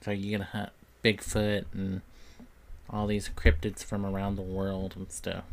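A man's voice: sits low, completely flat delivery, creaky. A man, co-hosting a casual podcast and chatting in a rambling way with dry jokes. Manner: slow, rambling, dry joking. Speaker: podcast co-host.

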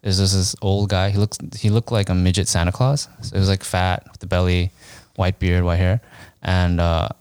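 A man's voice: deep voice, little pitch movement, moderate pace, few pauses, a little mellow, clean tone, dry recording. A man chatting casually on a podcast, telling rambling stories and laughing often. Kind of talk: casual chat, storytelling.

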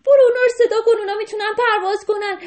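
A woman's voice: very high-pitched, fairly even intonation, a little mellow, pitched above the performer's own voice. A woman storyteller voicing a panicked little rabbit stuck in a river, crying out shrilly and pleading for help. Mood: urgent.

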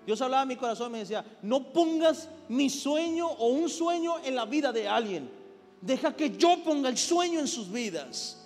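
High voiced male pastor preaching, echoey church, soft music behind. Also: animated, normal speed. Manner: preaching with rising intensity and repeated "amén". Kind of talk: sermon.

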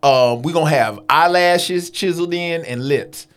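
A man co-hosting a casual chat, joking and teasing in a relaxed, playful way. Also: fairly high pitch, measured pace. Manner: joking, teasing, lively storytelling. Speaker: podcast co-host.

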